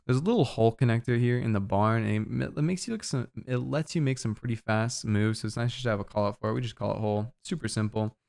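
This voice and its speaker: A man's voice: mid-range voice, quick pace, gravelly, hardly any pauses. A young man casually walking through game map callouts, loose and full of fillers, a little out of breath. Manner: relaxed, loose, filler-heavy explaining. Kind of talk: casual game guide narration.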